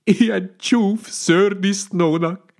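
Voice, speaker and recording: A man's voice: high-pitched, fairly even intonation, gravelly, pitched above the performer's own voice. A man doing a sobbing, scornful young maiden. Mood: weeping. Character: tearful, scornful young merchant's daughter.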